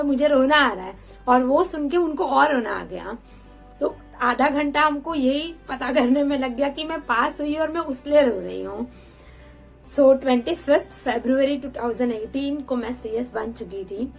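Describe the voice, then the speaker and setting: A woman's voice: high-pitched, normal speed, creaky, soft background music, poor audio. A woman in her twenties telling a personal story in a candid, chatty way, with English words mixed into her talk. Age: 20s. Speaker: vlogger.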